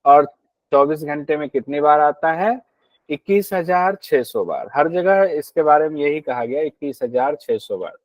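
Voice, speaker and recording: A man's voice: a little high, animated, normal speed, no room sound, low-quality recording. A man teaching a class on a yoga text, explaining patiently, repeating key points and asking his students questions.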